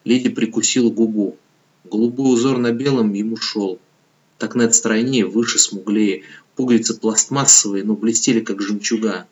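A man reading an audiobook novel in calm, measured scripted narration, on a dull lo-fi recording. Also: lowish voice.

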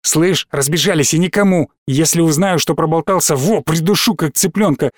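Man doing a gruff teenage bully. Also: on the high side, moderate pace, dry recording, clean studio sound, lightly acted. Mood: rough. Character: rough blond teenage bully, bossy and scared. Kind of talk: audiobook character voice.

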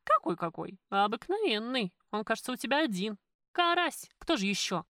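A woman voicing a brash, teasing young waitress in an audiobook, loud and mocking. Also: on the high side, sing-song, normal speed, no room sound, clean studio sound, heavily acted.

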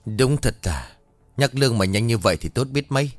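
A man's voice: mid-range voice, animated, brisk, no room sound, close to an everyday voice. A man voicing a frantic, tearful young mother. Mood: weary. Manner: tearful, pleading.

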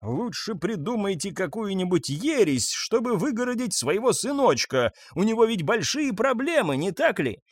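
Guy doing a snide drawling neighbour, raised pitch, mocking. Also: big pitch swings, moderate pace, few pauses, breathy edge, no echo, clean studio sound, full character voice. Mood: sneering. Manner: sneering, drawling. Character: sneering nosy middle-aged male neighbour.

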